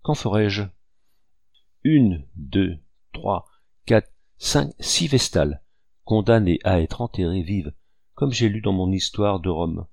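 A man's voice: sits low, animated, takes it slowly, vocal fry, darkish tone, no room sound, heavily acted. A man reading a storybook voices a mischievous little boy who taunts, coaxes and pleads. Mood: gleeful taunting. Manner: playful, taunting, breathless pleading. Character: cruel then remorseful little boy.

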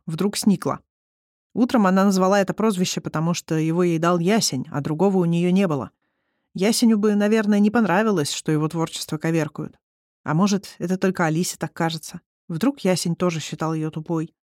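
An audiobook narrator reading a novel chapter in an even storytelling manner. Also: mid-range voice, dry recording, studio quality. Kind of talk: scripted narration.

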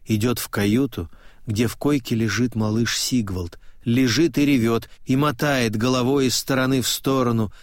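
Calm male audiobook narrator. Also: mid-range voice, moderate pace, dry recording, clean studio sound. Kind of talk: scripted narration.

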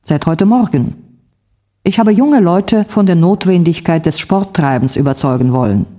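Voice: mid-range voice, animated, moderate pace, warm tone, lightly acted. A reader voicing a grumpy middle-aged sick man who groans and snaps, in a textbook story reading. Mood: complaining.

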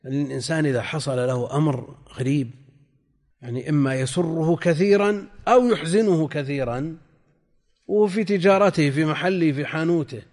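An older man teaching a classical text lesson, reading passages slowly, repeating and spelling out word forms, and putting questions to his students. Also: on the high side, darkish tone. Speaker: sheikh teaching hadith commentary. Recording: lecture hall with long reverb.

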